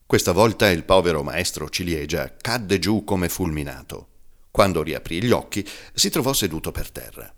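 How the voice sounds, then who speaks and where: Man, audiobook narrator, very low voice, lively pitch swings, expressive storytelling. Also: normal speed. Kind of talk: scripted narration.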